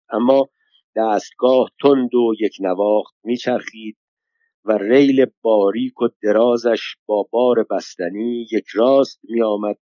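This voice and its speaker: A man narrating an audiobook story in a measured way, pausing to explain dialect words. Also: mid-range voice, warm tone, dry recording, dull audio. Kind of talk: scripted narration.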